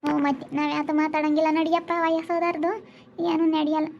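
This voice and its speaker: High-voiced woman. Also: level tone, fairly quick, background noise. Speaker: young wife in a family drama. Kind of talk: home-made village drama acting. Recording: dull lo-fi sound.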